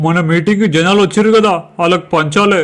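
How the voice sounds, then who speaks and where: A man's voice: sits high, fast, background noise, natural voice. A man playing a brash, crude male campaign worker who threatens voters, in a Telangana Telugu accent. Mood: crude boastful.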